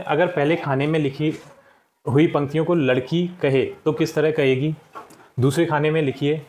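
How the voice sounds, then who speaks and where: A man with a fairly high, slightly mellow voice patiently works through textbook answers with young pupils. He repeats words often and keeps saying "theek hai."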